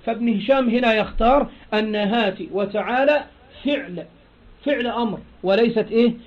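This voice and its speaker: A man with a high-pitched voice and an Egyptian Arabic accent teaches a grammar lesson. He explains step by step and keeps drawing answers from his listeners with prompting questions. The recording is dull and lo-fi. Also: fairly quick.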